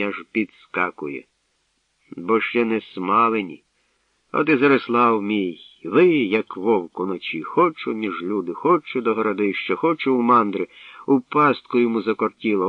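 A man's voice: on the low side, animated, moderate pace, no echo. A man voicing an elderly shepherd and anxious father who grumbles and frets, in a tinny, distant radio recording. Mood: grumbling. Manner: fretful, grumbling.

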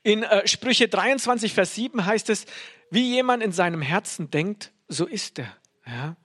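A male preacher giving a casual, conversational sermon, often checking in with "ja?" and pausing on hesitations. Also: high-pitched, animated, fairly bright tone, slightly rough. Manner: conversational, frequent "ja?" tag questions and hesitations.

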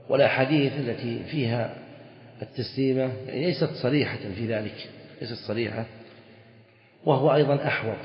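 A man teaching Islamic jurisprudence in a classroom lecture, explaining a text, repeating key phrases and putting questions to his students. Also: mid-range voice. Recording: echoey hall, dull lo-fi sound.

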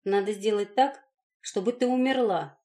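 A calm, calculating grown man voiced by a woman reading an audiobook speaks in a level, matter-of-fact way, a touch louder than the narration. His pitch sits in an ordinary middle range. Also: normal speed, natural voice. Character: calm, calculating adult male lover. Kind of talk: audiobook character voicing.

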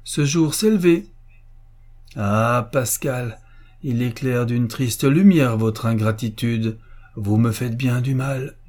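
A man's voice: medium pitch, moderate pace, mellow, natural voice. A man doing an indignant old father. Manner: bitter, reproachful speeches.

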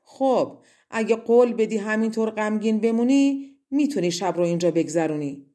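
A woman's voice: mid-range voice, natural voice. A woman voicing a greedy, scornful old crone who walks with a cane and mocks as she talks. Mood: mocking. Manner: mocking, grasping, sharp-tongued.

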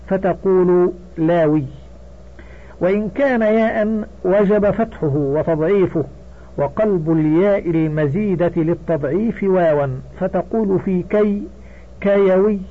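A man with a high voice reads a grammar textbook aloud in a steady, formal recitation, announcing each heading and page number. His voice comes through thin and tinny, like a phone line. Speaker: audiobook reader. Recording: tinny phone-like narrow sound.

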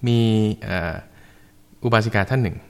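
A Buddhist monk co-hosting a casual dharma talk, explaining monastic rules with lively acted-out quotes. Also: male voice, lowish voice, moderate pace, creaky. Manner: animated, acts out callers in quoted voices. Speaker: Buddhist monk, podcast co-host. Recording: long hall reverb.

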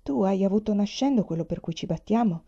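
A woman voicing a calm, good-natured young peasant man who speaks plainly. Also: medium pitch, brisk, breathy edge. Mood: earnest. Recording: dull lo-fi recording.

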